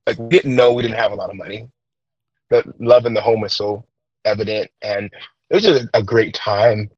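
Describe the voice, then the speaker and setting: A young man raised in Trinidad tells a personal story as an interview guest, reflecting earnestly with many fillers and restarts in a light Trinidadian accent. His lowish, darkish voice keeps fairly even intonation at a moderate pace. The recording is dry and lo-fi.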